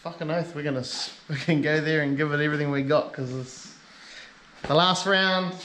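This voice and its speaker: Male mate on camera, broad New Zealand accent, higher pitch, slangy jokey banter, slightly noisy handheld audio. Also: steady tone, moderate pace, fairly bright tone. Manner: joking, slangy, sweary. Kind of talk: casual banter.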